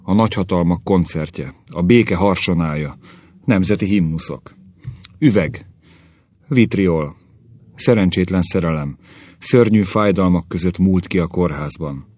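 A man's voice: low-pitched, a little mellow, no room sound. A man voicing an eager, long-serving newspaper editor who rattles off stock phrases.

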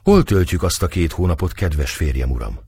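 A man's voice: sits low, lively intonation, gravelly, mellow, breathy edge, dry recording, full character voice. Spirited young bride, eager and playful, read by a man, dry close sound.

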